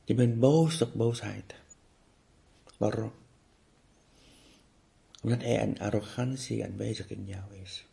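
Male spiritual teacher, low and dark-toned, slow and repetitive, sometimes nearly whispering. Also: vocal fry. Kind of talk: contemplative spiritual talk.

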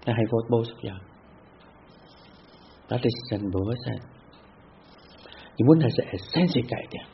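A man giving a spiritual talk as a meditation teacher, speaking deliberately with repetitive phrasing and halting restarts. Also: mid-range voice, lively intonation, gravelly. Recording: dull lo-fi with faint hiss.

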